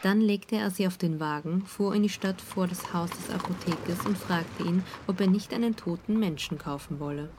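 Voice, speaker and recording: A woman narrating a fairy tale in a calm, measured storytelling manner. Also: lowish voice, a little hiss or hum.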